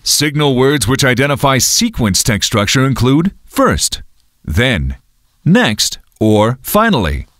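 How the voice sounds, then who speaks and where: A man's voice: mid-range voice, big pitch swings, slow, a bit bright, no room sound, clean studio sound. A man narrating a scripted educational show in an explanatory, upbeat way.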